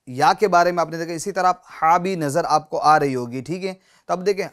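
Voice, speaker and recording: A man teaching Quran reading in a spoken lesson. He repeats each example slowly and patiently, speaks straight to the viewers and asks them to read along, and often says "theek hai" between points. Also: high voice.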